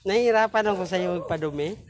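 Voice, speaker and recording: Man playfully scolding a dog. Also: sits high. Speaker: vlogger. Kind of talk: casual vlog chatter to a pet. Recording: outdoor noise behind.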